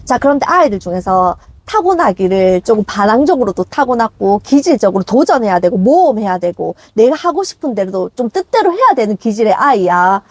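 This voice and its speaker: A woman's voice: medium pitch, big pitch swings, brisk, few pauses, a little mellow, no room sound. A middle-aged woman, a parenting educator, chatting casually with her husband and acting out parents' scolding lines.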